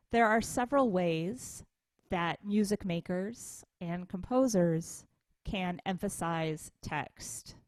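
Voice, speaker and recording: A woman music instructor explains her lesson in a slow, deliberate, step-by-step way. Her voice sits a little low and sounds dry and close to the mic. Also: a little mellow, no echo. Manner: measured, explanatory teaching. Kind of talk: recorded lecture.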